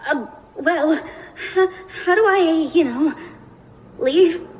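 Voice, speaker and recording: A young female cartoon newcomer, speaks in a very high, anxious voice. She stammers in confusion, drawing her words out slowly. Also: a little mellow. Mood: anxious, bewildered. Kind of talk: animated cartoon acting.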